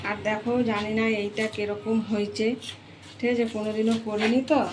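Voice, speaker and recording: A woman's voice: medium pitch, little pitch movement, a little fast. A woman chatting casually through a home cooking vlog, homely and often putting small questions to her viewers. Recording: echoey room, clear background noise, kitchen clatter.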